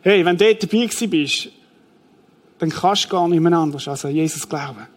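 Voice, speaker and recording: Lively high-voiced preacher. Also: male voice, fairly quick. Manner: lively storytelling preacher, acts out the scene. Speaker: pastor. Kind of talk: sermon.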